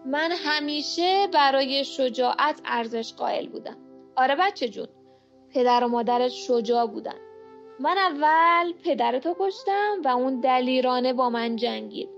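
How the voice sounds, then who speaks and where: Voldemort: woman voicing a cold menacing dark lord. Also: high voice, expressive, gravelly, soft background music. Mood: taunting. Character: evil male dark lord, a bodiless snake-faced spirit. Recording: muffled lo-fi home recording.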